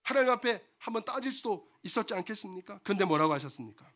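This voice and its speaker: A man's voice: high-pitched, expressive, quick pace, sharp tone. A man preaching a sermon as pastor, asking the congregation rhetorical questions and repeating phrases for emphasis.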